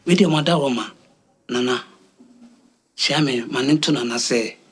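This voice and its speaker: A man's voice: medium pitch, a little slow, soft background music, natural voice. A Ghanaian man playing an everyman in a comedy skit. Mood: earnest.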